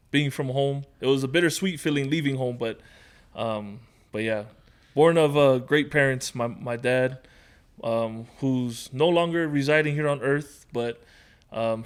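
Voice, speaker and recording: Guesting on a podcast, this Hawaiian man, probably in his thirties, spins easygoing, meandering stories with plenty of fillers. His voice is medium in pitch, clear and resonant.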